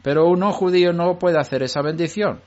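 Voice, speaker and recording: A man giving an unscripted religious lesson to a study group, explaining step by step in a measured way and often restarting his sentences. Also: on the high side, darkish tone. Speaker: Bible study teacher. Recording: dull lo-fi recording.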